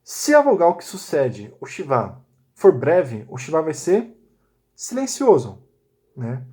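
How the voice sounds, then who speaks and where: A man's voice: a little high, wildly swooping pitch, slow pace, darkish tone. A man teaching a recorded language lesson. He explains step by step and often checks in with short tag questions. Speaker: Biblical Hebrew teacher.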